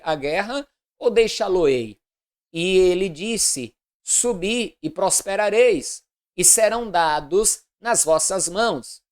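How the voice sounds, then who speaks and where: Woman, slightly low voice, steady deliberate scripture reading with commentary. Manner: measured, deliberate reading aloud. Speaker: Bible reader.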